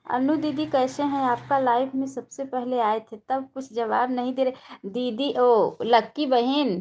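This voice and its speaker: A woman hosting a casual live stream, chatting while doing housework and greeting viewers one by one by name. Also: high voice.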